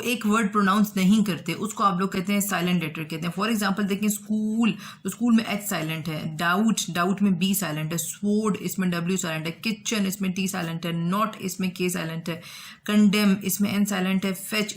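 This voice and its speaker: A woman English teacher patiently walking students through exercises, giving many examples and often checking with "okay". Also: mid-range voice. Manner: explains patiently with examples, switches between Hindi and English, repeats "ठीक है". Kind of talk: classroom explanation of an exercise.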